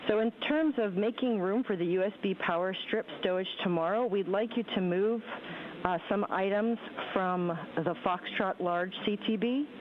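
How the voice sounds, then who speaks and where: A woman's voice: medium pitch, moderate pace. Tinny astronaut radio, woman at mission control. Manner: procedural, precise. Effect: radio transmission. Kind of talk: astronaut radio procedure talk. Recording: tinny, narrow phone-like radio link.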